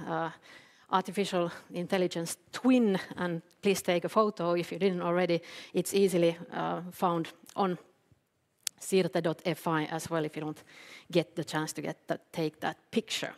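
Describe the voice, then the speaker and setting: A woman's voice: fairly low pitch, steady tone, moderate pace. A Finnish woman, a company CEO, giving an earnest conference talk with many fillers and restarts. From Finland. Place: event hall. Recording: long hall reverb from a public address system.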